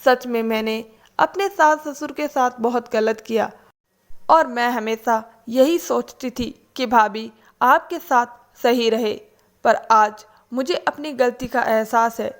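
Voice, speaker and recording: A woman's voice: fairly high pitch, slow pace. A woman voicing a young married daughter who speaks reproachfully and insistently. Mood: remorseful. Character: young married daughter, indignant then ashamed.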